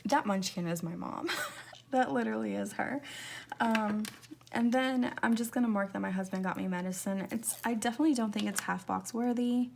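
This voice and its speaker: In a rambling, confiding chat, a woman in her twenties who vlogs about planners talks through decorating one, often laughing and slipping into soft whispers. She has a medium pitch, vocal fry, and a normal pace, and a slight hiss or hum sits in the background.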